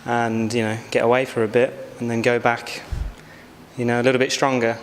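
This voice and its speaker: A man's voice: medium pitch, level tone, a little hiss or hum. A man, giving reflective, hesitant interview answers. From England. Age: 20s. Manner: reflective, unhurried, hesitant with many fillers. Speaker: backpacker interviewee. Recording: long hall reverb.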